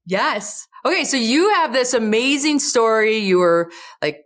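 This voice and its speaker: A woman's voice: on the high side, expressive, unhurried, a bit bright. A woman hosting a podcast interview, upbeat and enthusiastic in casual chat. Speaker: podcast host.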